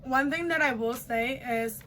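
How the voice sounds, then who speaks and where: Bright-voiced young woman chatting. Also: high voice, a little slow, a little hiss or hum. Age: 20s. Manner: chatty, mixes Spanish and English. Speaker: host. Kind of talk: casual chat mukbang.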